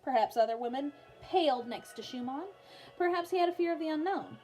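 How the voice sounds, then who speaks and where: Reading a biography aloud for her pupils, this young music teacher keeps things informal, with casual asides and frequent pauses to comfort a small child. Her voice is high-pitched, expressive and mellow, and her pace runs a little fast.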